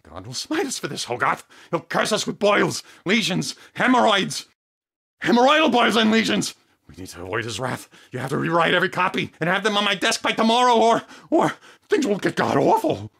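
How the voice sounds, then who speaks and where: High, creaky, exasperated scolding monk played by a man. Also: huge pitch swings, brisk, a bit bright, full character voice. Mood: alarmed, scolding. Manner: indignant, emphatic, sarcastic. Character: exasperated, scolding senior monk, male boss. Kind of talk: comic audio drama acting.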